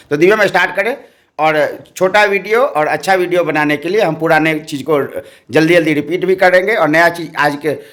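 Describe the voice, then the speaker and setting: A woman co-teaching a home French lesson as a parent, patiently explaining and repeating each answer back. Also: deep voice.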